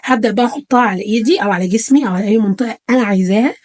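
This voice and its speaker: A beauty vlogger with an Egyptian Arabic accent gives a chatty home tutorial to a phone camera held close, addressing her viewers as girls in a casual to-camera style. Her voice is on the high side and a little mellow, and she talks rapid-fire.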